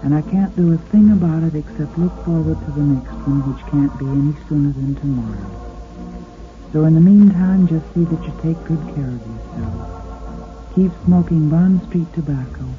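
A woman's voice: deep voice, lightly acted. An American woman playing an affectionate, lonesome radio sweetheart, coaxing her man in an intimate 1950s monologue. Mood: wistful, loving. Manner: slow, intimate, coaxing, crooning endearments. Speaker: radio host and companion. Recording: muffled 1950s radio recording, organ music. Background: organ music.

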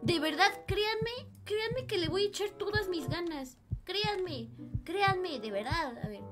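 A woman's voice: very high voice, animated, a little slow, over music. A woman, playfully commentating a game with swearing and mock panic. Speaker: streamer. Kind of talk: comedic gameplay commentary.

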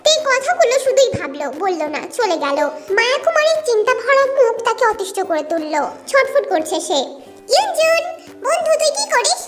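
Very high-voiced woman storyteller. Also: very animated, brisk, few pauses. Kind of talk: dramatic fan-fiction narration. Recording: loud background music bed.

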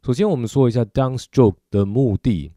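A man's voice: medium pitch, moderate pace, warm tone, dry recording, studio quality. A middle-aged man with a Taiwanese Mandarin accent, explaining drumming technique patiently in a video lesson, with frequent filler particles. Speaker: drum teacher.

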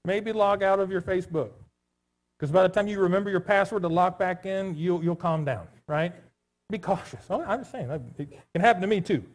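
A man's voice: high voice, brisk. A pastor giving a sermon in a church, talking casually to his congregation with jokes and asides. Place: church sanctuary.

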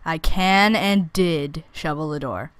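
A woman's voice: deep voice, slow, a bit bright, smooth, dry recording. A young woman chatting through her gameplay, answering her own questions and teasing the monsters, with squeals when something surprises her. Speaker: let's play gamer. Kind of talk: casual gameplay commentary.

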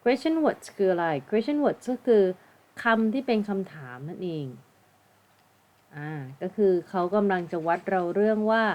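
A woman with a Thai accent tutors English grammar for an exam. She explains slowly and patiently, spelling words out letter by letter and ending her phrases with polite particles. Her voice sits at a middle pitch. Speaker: English teacher.

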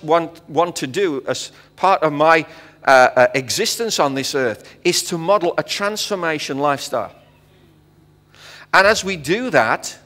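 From the stage of a church hall, a middle-aged English pastor who is visiting delivers a sermon to the audience in a rather high, fairly bright voice. His manner is conversational, peppered with quips and fillers. The sound has a long reverberant tail from the hall.

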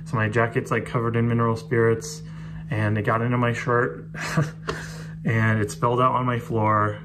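A man's voice: mid-range voice, level tone, moderate pace, noisy background. A man talking candidly to camera in a casual art vlog, rambling and frustrated. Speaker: artist vlogger. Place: outdoors on a city street, then indoors.

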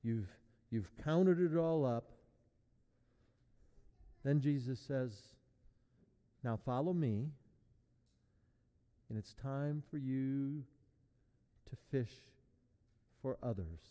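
A man serving as pastor, leading a sermon and communion in a measured, prayerful cadence, his voice ringing with a long echo in a large church. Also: mid-range voice, warm tone. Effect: long echoing church reverb. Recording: long reverb in a large hall.

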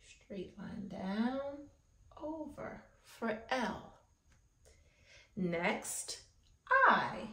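Here the preschool teacher, a woman in her thirties, speaks at medium pitch, extremely slowly, with long pauses, lively intonation, and a sharp tone. Leading young children in an art lesson, she encourages them and keeps checking in with questions. The small indoor room is echoey.

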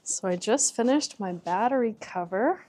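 A woman in her forties with a mid-range, somewhat dark voice chats expressively at a moderate pace, laughing often as she narrates her DIY vehicle project. The vlogger records inside an SUV and around a carport.

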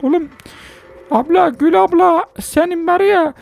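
Very high-pitched, gravelly woman gamer. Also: unhurried. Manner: excitable, joking banter with viewers, frequent exclamations. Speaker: gaming channel host. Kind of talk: let's-play game commentary.

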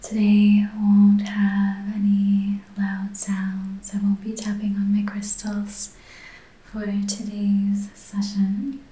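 This is a soft-spoken ASMR guided healing session led by a female Reiki practitioner and host. She whispers breathily at a medium pitch, very slowly and gently, her delivery completely flat, extremely mellow and soothing with little rise or fall. A noticeable roomy echo colors the sound.

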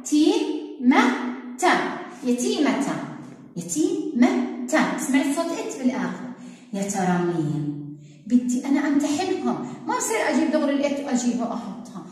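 A woman's voice: high voice, wildly swooping pitch, fast talker, a little mellow. A woman teaching first graders, drawing out syllables in a sing-song way. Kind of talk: online classroom lesson. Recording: very echoey hall-like room.

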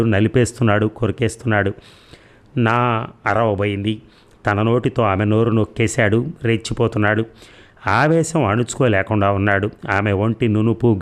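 Calm, low-voiced male story narrator. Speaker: audiobook narrator.

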